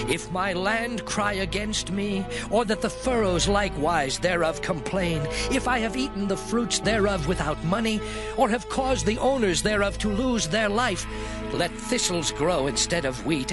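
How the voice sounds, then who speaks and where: A man's voice: high voice, animated, measured pace. An actor playing Job, a suffering righteous man solemnly protesting his innocence in a dramatized scripture reading. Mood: impassioned, defiant. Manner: solemn, declamatory, earnest. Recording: music bed under voice. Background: music.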